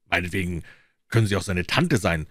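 A man voicing a gruff park keeper in a read-aloud crime story, brusque and ironic, giving orders. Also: deep voice, animated, fairly quick, fairly bright tone, dry recording, studio quality.

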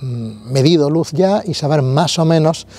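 This photography vlogger's voice is on the high side, husky and darkish, expressive but at a measured pace. Out on a city street, he talks viewers through a casual lesson directly to camera, explaining as he thinks and using "vale" and fillers frequently.

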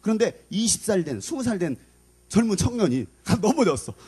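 Animated husky male pastor. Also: a little fast. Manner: animated, acts out scolding mothers in shrill voices. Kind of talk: youth sermon. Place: church hall.

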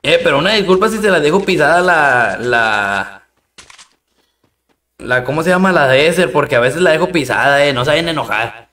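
A man's voice: on the high side, animated, normal speed, pushed and bright, distant mic. A man with a Mexican accent, streaming a game live, chatting in slang and thanking viewers between rounds.

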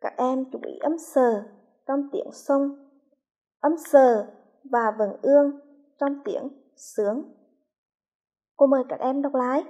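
Patient teacher woman with a soft husky voice. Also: sits high. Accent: Vietnamese, from Hue. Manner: slow, clearly articulated, patient. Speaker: primary school teacher. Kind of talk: reading lesson for young children.

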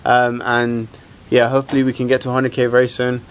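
A man's voice: medium pitch, completely flat delivery, a little fast. Chatty young man vlogging, noisy handheld recording. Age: 20s. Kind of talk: casual chatty vlog to camera. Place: car interior, outdoors and small rooms. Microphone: camera at arm's length. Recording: clear background noise, car and handheld camera.

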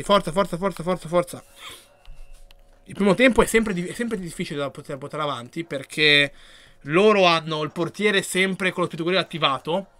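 Bright, excitable man streaming a game. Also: high-pitched, no room sound. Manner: excitable, yells and swears at the game, reads chat aloud. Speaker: gaming streamer. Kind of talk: live gameplay commentary.

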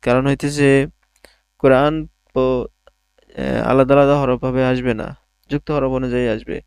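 A man teaching Quran reading in an online lesson, calmly and evenly drilling letter sounds one by one, with a Bangladeshi Bengali accent. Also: mid-range voice, creaky, clear, resonant tone, dry recording, studio quality. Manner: slow, even drilling of syllables.

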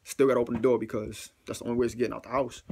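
A young vlogger races through a casual storytime about a mishap at home, full of slang, swearing and self-mockery. He animatedly acts out his reactions, now and then jumping into sudden loud, high squeals, over a slight hiss or hum.

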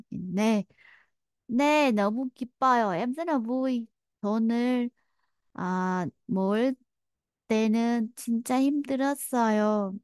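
Woman language teacher walking students through a dialogue, chatty and repetitive, clear resonant tone. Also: a little high, darkish tone, no echo, studio quality. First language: Vietnamese. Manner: chatty, many fillers, repeats Korean phrases. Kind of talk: explaining a listening exercise.

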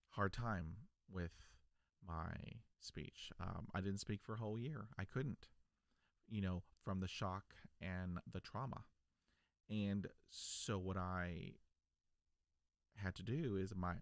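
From a small indoor home studio, a vlogger and podcast host who stutters, repeating first sounds, talks earnestly and personally to camera. His low-side voice comes through a large boom-arm podcast mic placed close, giving a very dry, dead sound with no room sound, and he stays encouraging throughout.

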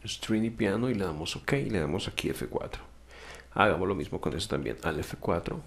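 Gravelly low-voiced man teaching software. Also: animated, brisk. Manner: patient step-by-step explaining, frequent self-corrections and "ok?" check-ins. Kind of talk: screen-recorded software tutorial.

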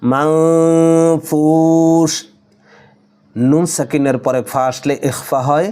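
A man with a Bangladeshi accent teaching tajweed. He explains each rule briskly, then recites the Arabic phrases slowly and drawn out. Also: medium pitch, darkish tone. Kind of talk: tajweed lesson alternating explanation and slow recitation.

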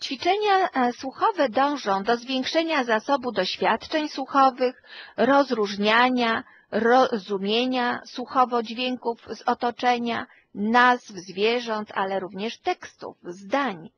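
A woman, a hearing and speech therapist, explaining calmly and at length, with some fillers as she goes. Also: a little high, dull audio. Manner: slow, measured explanation with fillers. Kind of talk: expert talk to camera.

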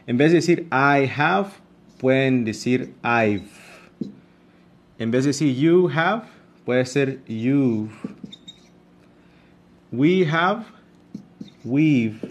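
A man's voice: medium pitch, lively intonation, extremely slow, pauses often. A male English teacher with a Mexican Spanish accent, patiently explaining grammar in a live online class and drawing out his examples.

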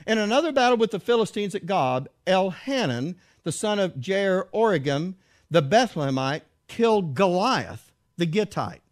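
A man's voice: high voice, very animated, normal speed. A man giving a teaching talk with slides, reading verses aloud and asking his listeners rhetorical questions. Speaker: Bible teacher.

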